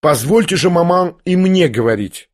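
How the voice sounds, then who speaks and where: A man's voice: on the high side, expressive, normal speed, voice pushed up. A man voicing a proud young noblewoman who questions sharply and mockingly. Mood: haughty. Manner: imperious, pointed questioning.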